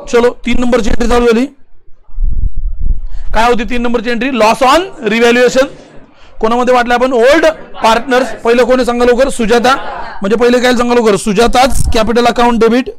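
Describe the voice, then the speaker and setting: A man with a Marathi accent teaching an accounting lesson, repeating steps and pressing students to answer aloud quickly. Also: very high voice, little pitch movement. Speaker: commerce teacher.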